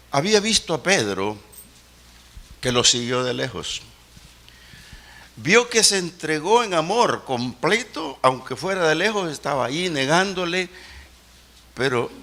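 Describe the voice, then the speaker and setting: A man preaching a sermon as pastor in a church, swinging between loud outbursts and low murmurs.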